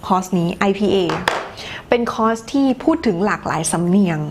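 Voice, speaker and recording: A woman's voice: medium pitch, brisk, background noise. A woman teacher with a Thai accent reads viewer comments during a live English lesson, chatty and laughing, moving between two languages.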